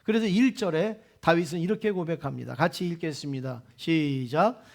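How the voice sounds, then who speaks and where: A man's voice: fairly high pitch, normal speed, creaky. A man preaching a sermon as pastor in a church, stressing his points and putting rhetorical questions to the congregation. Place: church sanctuary.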